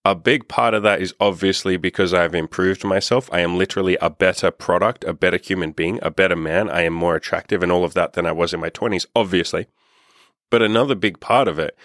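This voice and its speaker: A man in his mid-thirties speaks in a deep, low register. He is a dating coach in a casual podcast monologue, candid and upbeat with plenty of swearing. The sound is dry and close, with no room echo. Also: fairly bright tone. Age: 30s. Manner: candid, upbeat and heavily profane. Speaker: dating and self-improvement coach.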